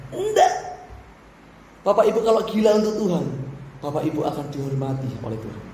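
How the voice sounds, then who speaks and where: Man, pastor, sermon, high voice, echoey church room. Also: a little hiss or hum. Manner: preaching with shifts between shouting and soft asides.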